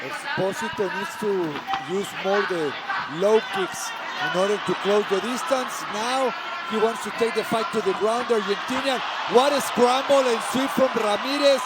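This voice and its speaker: A man co-commentating a live fight as an analyst, speaking in a raised, excited voice. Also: extremely high pitch, moderate pace. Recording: very noisy live arena.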